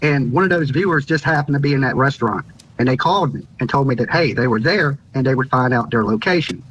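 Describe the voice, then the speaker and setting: Over a dull, lo-fi remote link, a Virginia man who is a YouTuber gives his account as a guest on the news, repeating phrases along the way. His mid-range voice is fairly bright with a breathy edge, and he speaks quickly in this informal live interview.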